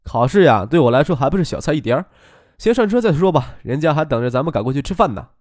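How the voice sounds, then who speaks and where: A man's voice: fairly high pitch, expressive, fast talker, darkish tone, no echo, clean studio sound, close to an everyday voice. Man voicing a cool, self-assured young man. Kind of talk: audiobook character voice.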